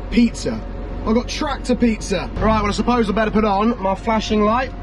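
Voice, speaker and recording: A man's voice: sits high, normal speed. A young English man, a farmer and vlog host, chatting and teasing in a casual, joking way from inside a tractor cab. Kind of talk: casual chat. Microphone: action camera in the cab. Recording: loud engine noise in a tractor cab.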